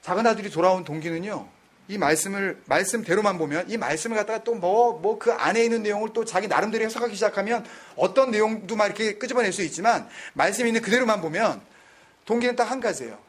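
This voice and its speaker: A man's voice: high voice, fast talker, husky. A man teaching a Bible study in a conversational way, mixing in English words and keeping his listeners answering his questions. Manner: keeps quizzing his listeners.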